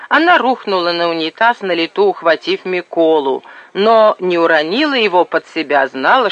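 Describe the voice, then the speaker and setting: High, bright-voiced male audiobook narrator. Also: no echo. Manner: lively, vivid storytelling. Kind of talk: expressive audiobook reading. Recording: dull lo-fi audio.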